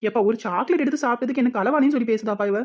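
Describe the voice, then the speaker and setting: A woman voices a cheeky young village woman in a cartoon, with a Tirunelveli accent. She talks back fast and sharp. The audio is dull and lo-fi. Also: a little high, lightly acted. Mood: defiant. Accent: Tirunelveli Tamil. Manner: cheeky, quick talking back. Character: sassy young village woman, elder daughter.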